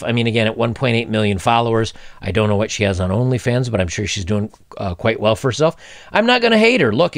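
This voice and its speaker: A man in his forties reads a news story aloud while adding blunt, opinionated commentary and mocking asides. His medium-pitched voice has vocal fry, captured in a dry, studio-quality recording.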